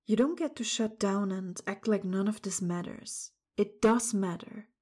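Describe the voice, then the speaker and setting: Speaking directly to the listener in a roleplay recording, a woman starts out frustrated and confrontational, then turns soft, apologetic and tender, often dropping to a breathy whisper. Her mid-range voice is expressive and her pace moderate.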